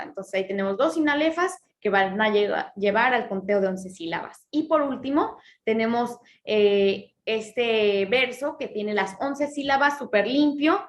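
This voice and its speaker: A woman teaching Spanish literature, explaining step by step, checking in with her students often, and reading verse slowly when she counts syllables. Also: a little high, slight background noise. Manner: reads verse lines slowly, drawing out syllables. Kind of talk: lesson on poetry.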